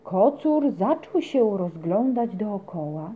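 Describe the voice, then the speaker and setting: A woman narrating a children's story with a gentle, expressive reading. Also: medium pitch, takes it slowly, slightly rough. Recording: dull lo-fi recording.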